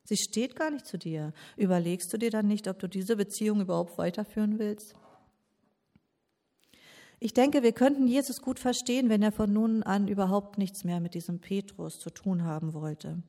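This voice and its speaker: A woman's voice: mid-range voice, moderate pace, dark tone. A woman preaching a sermon to young people, talking personally and addressing listeners directly.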